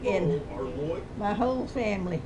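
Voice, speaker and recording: A woman chats plainly about old times. Her delivery is folksy, in short phrases with pauses, at a middling pitch. Loud chatter surrounds her. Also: expressive. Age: 90s. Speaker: interviewee recalling farm childhood. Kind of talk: casual reminiscing chat.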